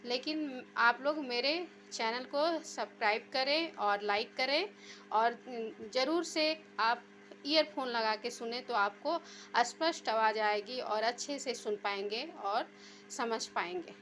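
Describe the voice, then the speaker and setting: Slow, bright-voiced woman teaching grammar. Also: a little high, a little hiss or hum. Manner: repeats terms, explains step by step. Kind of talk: slow classroom explanation.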